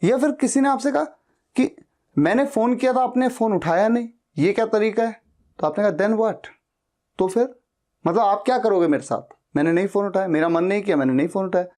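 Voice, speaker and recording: A woman's voice: mid-range voice, a little fast, warm tone. A woman teaching spoken English in Hindi, explaining each phrase and repeating the example sentences aloud. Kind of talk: Hindi-language English lesson.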